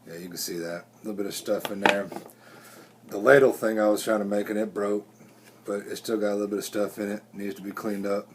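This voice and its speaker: A man's voice: fairly low pitch, flat delivery, fairly quick, background noise. A man rambling folksily through a casual bushcraft workshop vlog. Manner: rambling, folksy, self-correcting. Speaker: bushcraft vlogger.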